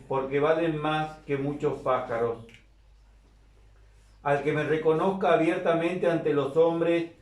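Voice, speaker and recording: A priest speaks slowly and deliberately, in a slightly high voice. He sounds set back from the microphone, and his words ring through a big cathedral echo in a large church. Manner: measured, careful, explanatory. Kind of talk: liturgical reading and homily. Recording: echoey church from a distance.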